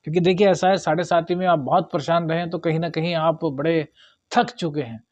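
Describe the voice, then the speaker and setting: A man's voice: a little high, fairly even intonation, brisk, no echo. Man giving earnest advice. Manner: earnest advising, addresses viewers as brother. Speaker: astrologer. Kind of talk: monthly horoscope talk.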